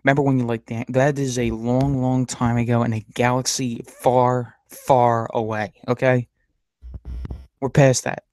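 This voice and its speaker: A man's voice: medium pitch, a little mellow, no room sound. A man hosting a casual podcast, rambling and stammering as he rants about sports rivals. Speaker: podcast host. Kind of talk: casual live-stream chat.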